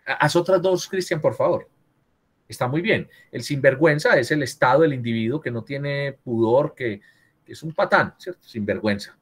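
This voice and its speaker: Husky male teacher on a video call. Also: medium pitch, normal speed, a bit bright. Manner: corrects students, keeps asking "¿cierto?". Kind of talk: virtual class lesson on writing.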